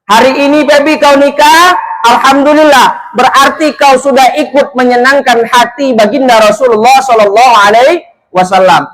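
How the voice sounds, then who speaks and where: A man's voice: extremely high pitch, steady tone, normal speed, crowd noise, low-quality recording. A man giving a humorous wedding sermon, chatty and speaking straight to the couple. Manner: jokey, chatty, addresses the couple directly. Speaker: preacher at a wedding.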